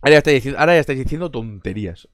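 This fairly high-pitched man from Spain is live streaming, reading and replying to chat with sarcastic humor, lots of laughs, and free swearing. His voice rises and falls widely, and the close mic leaves the sound dry, without any echo.

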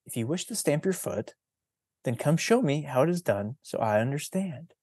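A man reading aloud and voicing the sea as a calm, wise presence that speaks quietly and gently. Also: fairly high pitch, moderate pace, breathy edge, no room sound, clean studio sound. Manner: quiet and gentle, soft questioning tone.

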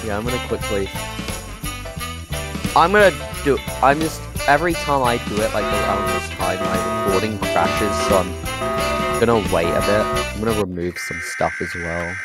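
A man's voice: lowish voice, normal speed. A young man in casual voice chat while gaming, loose and rambling, cursing now and then. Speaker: gamer. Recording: game music playing behind. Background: game music.

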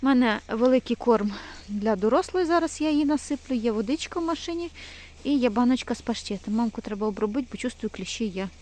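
A woman rescuing a stray dog and puppies, narrating quickly and nervously while filming on her phone outdoors by a forest, slipping into high baby talk with the dogs. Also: animated, a little mellow. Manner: talks fast when nervous. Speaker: animal rescue volunteer. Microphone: phone camera held while filming.

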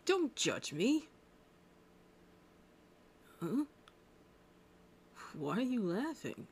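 A woman voicing a shy, flustered young male cartoon hedgehog hero in love, husky and hesitant, in an intimate ASMR roleplay. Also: fairly high pitch, darkish tone, voice pushed up, full character voice. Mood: embarrassed, defensive. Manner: hesitant, stammering, bashful.

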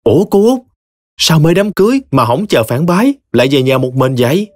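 A man voicing a nagging older sister-in-law with a Southern Vietnamese accent, scolding in a brisk way. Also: fairly high pitch, very animated, a bit bright, faint music behind, voice pushed up.

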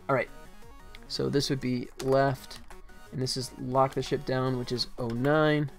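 A man in his forties gives casual live-stream commentary while doing game development at a computer in a small indoor room. His voice is medium-pitched and gravelly, level in tone and slow in pace. Faint music and keyboard typing are heard in the background.

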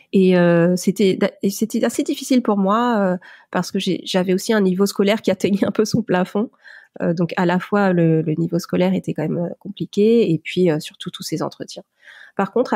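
A woman, speaking in a fairly low voice as a podcast guest. She pauses often and hunts for words, filling gaps as she goes. The recording is close and dry, with no room sound. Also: darkish tone, no room sound. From Paris, France. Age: 40s. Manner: hesitant, many pauses and fillers. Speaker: interview guest. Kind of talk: podcast interview.

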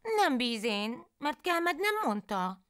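A woman's voice: high voice, sing-song, a bit bright, voice pushed up. A woman voicing a foolish, cheerful young peasant wife in a folk tale, with naive, pleading speech.

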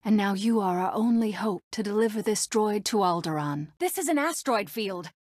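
A young rebel princess from a video game, played by an actress. She is resolute and a little haughty, speaking assertively with dry sarcasm at a middling pitch. The sound is close, with no room echo. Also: lively intonation, normal speed, a little mellow, close to an everyday voice. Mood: urgent. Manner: crisp, assertive, dryly sardonic delivery. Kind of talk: video game character voice clips.

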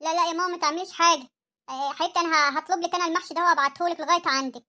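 A woman voicing a loving grown daughter who is hoarse from a cold, caring and tender, with an Egyptian accent, in a cartoon story. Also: very high-pitched, fairly even intonation, racing, bright, forceful tone.

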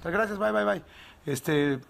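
A man with a Mexican Spanish accent telling a long anecdote on a talk show, animated and slangy, acting out the dialogue. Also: sits high, measured pace, creaky, a little hiss or hum.

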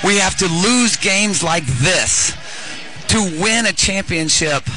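A woman's voice: lowish voice, animated, slow, bright, forceful tone, faint music behind, low-quality recording. A middle-aged woman coach in a postgame radio interview, talking in a rambling way full of fillers and restarts on a headset mic. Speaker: women's basketball head coach. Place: courtside in an arena.

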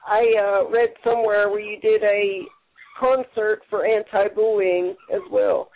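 Gravelly-voiced upbeat male radio host. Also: high-pitched, steady tone, unhurried, a little mellow, lo-fi sound. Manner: upbeat, full of praise. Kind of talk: casual radio interview.

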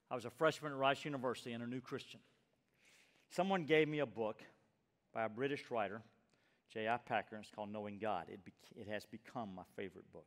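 A man in his sixties preaching a sermon as pastor, emphatic and swinging from loud urging down to hushed near-whispers. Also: fairly low pitch. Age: 60s. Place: church sanctuary. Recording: long reverb of a church hall.

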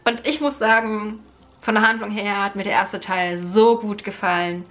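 In a living room in front of a sofa, a young book vlogger from Germany talks close to the camera about a book series. Her mid-range, slightly bright voice stays steady at a moderate pace, and her eager, casual talk is full of fillers and repetitions.

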